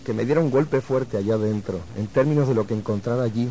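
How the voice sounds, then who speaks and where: A man from Uruguay, a guest musician answering interview questions in a reflective, measured way. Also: mid-range voice, mellow, slight background noise, low-quality recording.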